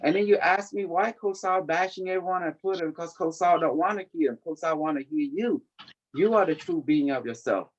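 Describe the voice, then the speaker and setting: A man's voice: fairly high pitch, fairly quick, lo-fi sound. A man with a Cambodian accent talking casually as a spiritual teacher, in non-native English with dropped verbs and endings. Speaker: spiritual teacher leading a group call.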